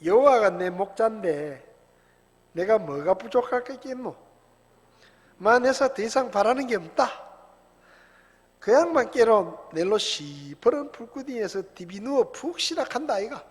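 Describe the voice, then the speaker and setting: A man plays a boisterous, rough-spoken Gyeongsang countryman, booming out a psalm in a hearty folksy voice. The voice sits high and a little husky. It rings with the long reverb of a church hall. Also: lively intonation, measured pace, exaggerated voice. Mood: hearty, boastful. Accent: Gyeongsang dialect, put on. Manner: loud, hearty, rustic folksy delivery.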